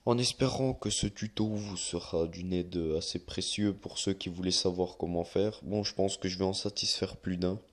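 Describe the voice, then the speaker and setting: Young male tutorial maker, deep low voice, casual and rambling with lots of fillers. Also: steady tone, moderate pace, hardly any pauses. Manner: rambling, many fillers and self-corrections. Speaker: YouTuber giving a tutorial. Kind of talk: casual screen-recorded tutorial.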